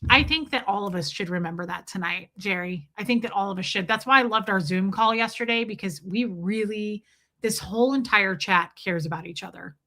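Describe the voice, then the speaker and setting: Reading comments during a casual live chat, a Southern woman from near Nashville hosts her livestream and talks to viewers by name, chatty and frequently starting over. She speaks a little fast in a mid-range, slightly bright voice.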